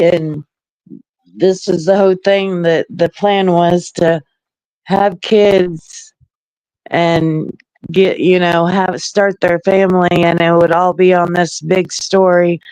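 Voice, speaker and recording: A man in his forties in a casual group chat, recounting events in a halting way. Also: fairly high pitch, darkish tone, smooth, no room sound, poor audio. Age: 40s. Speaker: panel guest.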